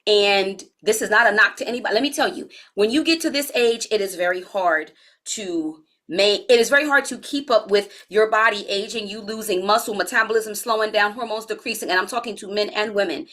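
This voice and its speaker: Speaking fairly quickly in a mid-range voice, this forties-aged health coach chats with her live-stream viewers. Her tone is relaxed and direct, sprinkled with casual slang.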